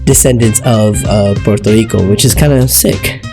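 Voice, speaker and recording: Male TV episode reviewer from Ecuador, loose and rambling, music clearly audible underneath. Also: lowish voice, normal speed. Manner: rambling, searching for words. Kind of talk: casual review commentary. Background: music playing.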